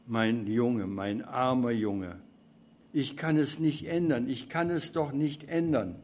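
A man voicing a weepy, helpless old God in a dramatic reading, plaintive, low and subdued. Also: lively intonation, measured pace, dark tone.

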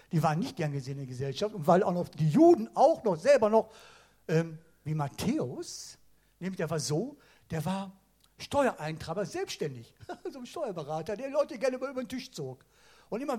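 A man preaching a casual sermon, retelling stories in colloquial slang. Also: high voice. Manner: colloquial, animated storytelling with slang.

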